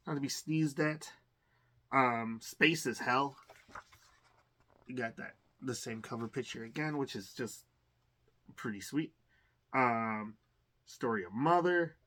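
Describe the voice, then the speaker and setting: Hosting a casual unboxing video, an adult man with a mid-range, fairly bright voice thinks aloud as he goes. His delivery is rambling and halting, full of fillers and restarts, and he's enthusiastic about every item he finds.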